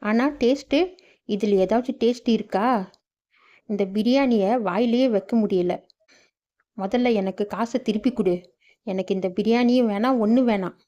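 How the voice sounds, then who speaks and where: A woman's voice: mid-range voice, normal speed, pauses often, mellow, lo-fi sound, natural voice. A woman voicing a scolding angry customer. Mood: annoyed. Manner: complaining and scolding.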